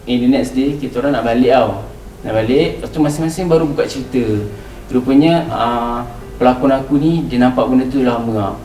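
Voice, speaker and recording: Here a young Malaysian man on a podcast relates a ghost story in an easygoing way, voicing bits of dialogue and circling back over phrases. His medium-pitched voice is brisk and mellow, picked up by a distant mic in a roomy space with slight hiss or hum and music beneath.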